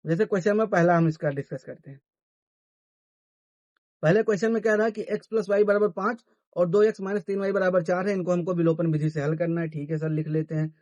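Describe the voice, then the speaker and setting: High-voiced math teacher. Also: male voice, steady tone, quick pace, a little mellow, no room sound, lo-fi sound. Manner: asks questions and answers them himself. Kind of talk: classroom-style math lesson.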